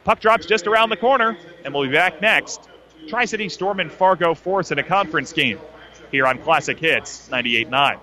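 A man's voice: fairly high pitch, animated, normal speed, bright, forceful tone. A man giving live hockey pregame commentary as a play-by-play broadcaster.

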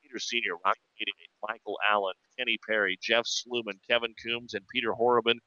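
A man's voice: mid-range voice, fairly even intonation, fast, pushed and bright, dry recording, highs cut off. A man hosting a live sports radio show, giving updates as he goes.

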